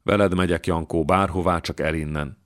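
A man's voice: low voice, fairly even intonation, natural voice. A man reading an audiobook voices a humiliated young bride who pleads in an urgent whisper. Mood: desperate.

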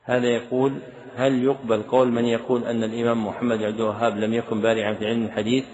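A man's voice: mid-range voice, little pitch movement, racing, crowd noise. A man teaching a religious text, reading out written questions from students and answering them briefly and firmly. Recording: dull lo-fi lecture recording.

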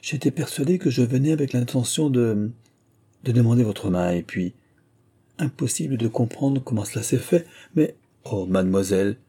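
A man's voice: mid-range voice, lively intonation, fairly quick, dark tone, husky, voice pushed up. A man doing a flustered young suitor. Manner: embarrassed, stammering, earnest.

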